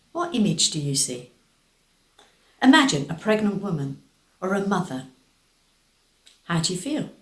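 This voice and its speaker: A woman charity worker presenting in calm, measured scripted narration, putting questions to the listener. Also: mid-range voice, roomy sound.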